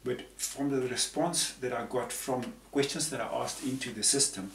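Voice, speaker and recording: Speaking at medium pitch and a moderate pace, this man's voice comes across a bit bright. He is a Zambian panel guest in his sixties who rambles conversationally as he explains, repeating words often. The setting is a room with a patterned tapestry backdrop, captured in a roomy, distant recording with faint hiss.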